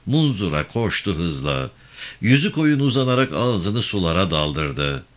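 A man reading a literary novel aloud in a measured, dramatic way. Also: low voice. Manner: measured, dramatic reading with lively rises and falls. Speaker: audiobook reader.

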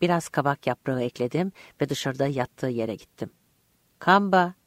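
An audiobook narrator reading a first-person story aloud in an expressive, vivid way. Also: mid-range voice, normal speed, no echo.

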